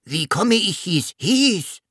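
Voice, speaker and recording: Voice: medium pitch, big pitch swings, slow pace, fairly bright tone, husky, no room sound, clean studio sound, pitched above the performer's own voice, full character voice. A narrator voicing a small, puzzled male dragon who swaps his R sounds for S in a storybook reading. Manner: lisping mix-up of R and S sounds.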